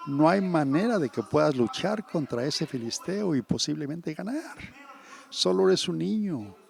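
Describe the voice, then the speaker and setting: A man's voice: a little high, expressive, measured pace, creaky, heavily acted. A man voicing a scornful king who mocks and dismisses a boy. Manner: mocking, scornful. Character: scoffing older king, dismissive.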